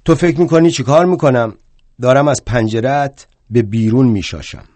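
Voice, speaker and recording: A man's voice: medium pitch, no echo, lightly acted. A man doing a fiery drunken anarchist. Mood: defiant. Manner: shouting, scornful outbursts. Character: huge drunken fiery male anarchist, brash and crude. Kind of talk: one-man stage play.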